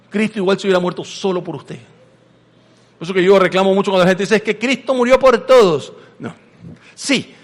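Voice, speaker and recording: A high-pitched man, preaching a sermon. He swings between loud emphasis and hushed asides and questions the congregation directly. His voice carries a long reverb from a large church hall. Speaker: pastor. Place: church sanctuary.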